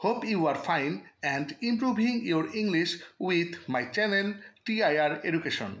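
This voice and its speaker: Man, video lesson teacher, unhurried careful reading, echoey room. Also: high voice, lively intonation, a bit bright. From Bangladesh. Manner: slow, deliberate reading of English phrases with Bengali explanations. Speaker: English teacher.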